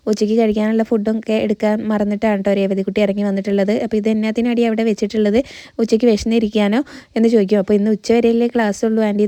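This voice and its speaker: Malayali woman, casual serial recapper; quick, level delivery, very mellow tone, dry close mic. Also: medium pitch, no echo. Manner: retells scenes, quoting characters, frequent "ട്ടോ" tags and "ഏഹ്" fillers.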